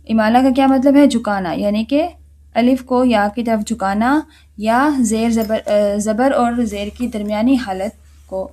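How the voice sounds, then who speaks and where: A woman teaching a recitation lesson, asking herself questions and answering them, and repeating key words slowly for the listener. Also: fairly high pitch, mellow. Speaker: tajweed teacher. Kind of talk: explanatory lesson with repetition.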